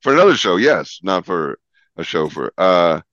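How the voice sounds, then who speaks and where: A man with a very low voice tells backstage stories in an animated, casual way, laughing often and acting out the people in them. The recording is dry and a little dull. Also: moderate pace, no room sound. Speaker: guest, talk show segment producer. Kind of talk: casual storytelling chat.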